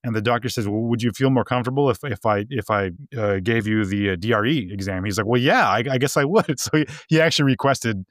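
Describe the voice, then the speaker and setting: A male podcast co-host in loose, casual chat, spinning stories and laughing often along the way. His voice sits at an ordinary middle pitch. The sound is close and dry, with no room around it. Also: fast, hardly any pauses, no echo. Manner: chatty storyteller, laughs often, many restarts.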